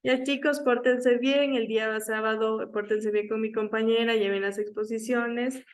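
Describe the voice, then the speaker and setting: A woman teacher giving an online lecture, her voice sitting fairly high. She pauses to check in with her students again and again, and slows down to sound out examples one by one. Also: fairly even intonation. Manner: checks in with frequent "¿ya?"; demonstrates speech sounds slowly.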